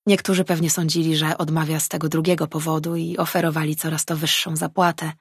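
A woman reading a novel aloud as an audiobook narrator, in calm, even storytelling. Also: sits low, fast, breathy edge, no echo, clean studio sound. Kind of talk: scripted narration.

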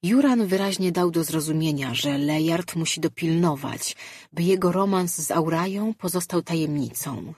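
A woman narrating a fantasy audiobook in a measured, steady way. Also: low-pitched, breathy edge, dry recording, studio quality.

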